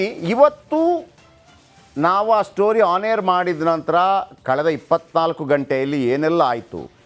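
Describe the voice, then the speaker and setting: Male news anchor with a Kannada accent, fairly high voice, sarcastic and emphatic, faint music underneath. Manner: emphatic, sarcastic, mimics officials. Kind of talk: animated studio news presentation.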